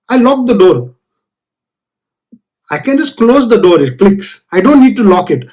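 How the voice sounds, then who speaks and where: High-pitched man with a South Indian accent. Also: a little mellow, rough recording. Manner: earnest, repeats phrases for emphasis. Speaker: spiritual teacher. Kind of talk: informal spiritual discourse.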